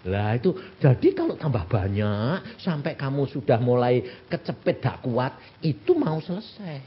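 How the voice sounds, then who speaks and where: A man's voice: mid-range voice, very animated, a little slow, a little hiss or hum. A man in his eighties with a Javanese accent, preaching a sermon and often asking his congregation rhetorical questions. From Central Java, Indonesia. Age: 80s. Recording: dull lo-fi recording.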